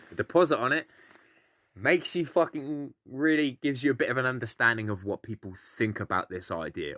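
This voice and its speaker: A man's voice: medium pitch, a bit bright, dry recording, studio quality. A British man explaining a game in a casual, grumpy, grumbling way, blunt and sweary as he gives his opinions. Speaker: gaming video host.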